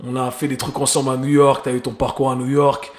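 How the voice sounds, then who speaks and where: The audio carries a roomy echo as a male podcast host from Geneva, Switzerland talks fast in a medium-pitched, level voice. His chat is casual and loose, sprinkled with English slang.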